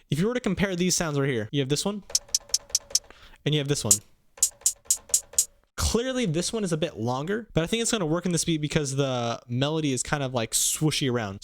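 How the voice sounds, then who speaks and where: A young man hosting a casual beat-making tutorial, upbeat and quick, humming drum patterns aloud between explanations. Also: a little high. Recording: loud music playing under the voice. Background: beats playing from the production software.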